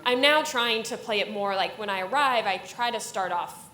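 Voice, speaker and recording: A woman's voice: medium pitch, moderate pace, sharp tone. A woman ballet dancer in a conversational interview, telling a story with lots of fillers and animation. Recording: roomy with faint noise.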